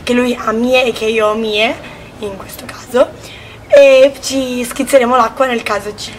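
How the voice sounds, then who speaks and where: A woman's voice: a little high, fairly even intonation, a little slow, slight background noise. A teenage young woman hosting a casual challenge vlog, exclamatory and playfully protesting, recorded outdoors on a camera mic. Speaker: YouTube host. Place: small outdoor paved courtyard by a wall.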